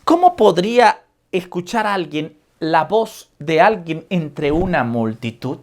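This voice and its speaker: Slow, deliberate woman preaching. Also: lowish voice, big pitch swings, a little mellow. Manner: addresses listeners as brothers and sisters with rhetorical questions; retells the Bible story in a slow, deliberate storytelling way. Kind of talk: sermon.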